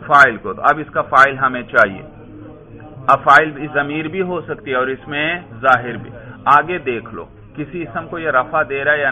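A man's voice: on the high side, sharp tone. A man teaching Arabic grammar in a classroom lesson, drilling students with questions and answering them himself. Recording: tinny phone-like recording.

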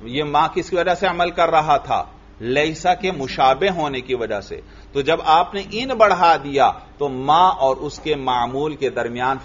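Heard through lo-fi sound, a mid-range-voiced man leads an Arabic grammar lesson. He reads the text in a slow chant, then explains it and questions the students.

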